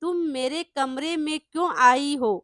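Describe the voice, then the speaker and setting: A woman voicing an arrogant male landlord painter who shouts, scolds and boasts, in a storybook reading. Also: high-pitched, a little slow, no echo, clean studio sound. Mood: scolding.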